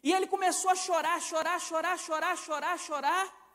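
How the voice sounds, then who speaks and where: A young Brazilian man preaches with a strikingly high voice. His delivery is impassioned and swings from loud, emphatic lines to hushed ones. A long church-hall reverb trails every phrase. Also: fairly even intonation, normal speed. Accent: Brazilian Portuguese. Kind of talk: sermon.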